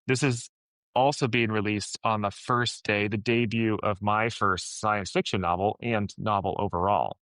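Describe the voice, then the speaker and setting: A man's voice: lowish voice, fairly bright tone, dry recording, rough recording. A man hosting a podcast interview, speaking in an earnest, conversational way that restarts his sentences now and then. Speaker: podcast host.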